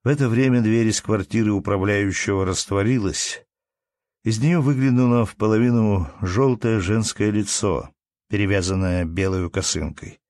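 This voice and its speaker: A man narrating a classic story as an audiobook in a slow, measured way. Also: on the low side, a little mellow, dry recording, clean studio sound.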